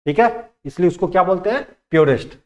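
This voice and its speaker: Fast-talking and animated, a man with a high-pitched voice gives a chemistry lecture in Hindi to a class, posing questions and answering them himself while mixing in English terms.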